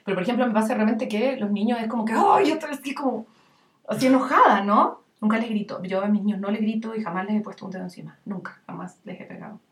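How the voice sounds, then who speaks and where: A middle-aged woman with a Chilean accent giving parenting advice in casual chat, acting out little scenes with lively voices. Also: medium pitch, very fast, few pauses. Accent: Chilean Spanish. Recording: roomy echo, distant mic.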